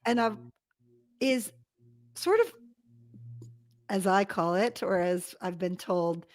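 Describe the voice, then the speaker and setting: A woman in casual podcast conversation, expressive and quick to laugh. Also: medium pitch.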